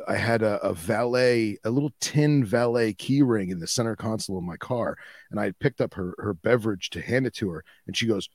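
Male co-host, slightly deep, dry close sound, colloquial, teasing, casual anecdotes. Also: no room sound. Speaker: podcast co-host.

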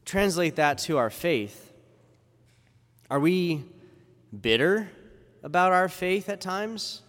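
A man's voice: high voice, lively intonation, slow pace, fairly bright tone. A man reading the gospel and preaching a conversational homily, full of rhetorical questions, his voice carrying a cathedral-like echo. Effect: cathedral-like church echo. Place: large church. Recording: long reverb in a large church.

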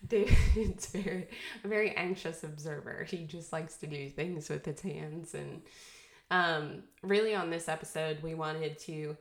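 A woman with a low-pitched voice chats casually as a podcast co-host, breaking into giggles now and then. Her voice rings around an echoey room. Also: measured pace. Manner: giggly, laughs often between phrases. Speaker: podcast co-host and brand founder.

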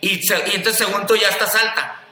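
A Mexican man with a high, sharply bright voice talks in an echoey room. He is blunt and profane, and he keeps breaking into mocking impressions of other people. His delivery is animated and fast-moving. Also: soft background music. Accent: Mexican Spanish. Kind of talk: casual podcast chat.

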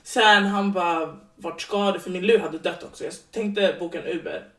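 A woman's voice: fairly low pitch, fairly bright tone. A young woman co-hosting a podcast, telling a story animatedly and switching between Swedish and English. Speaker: podcast co-host. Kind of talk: casual storytelling chat. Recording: roomy, distant mic.

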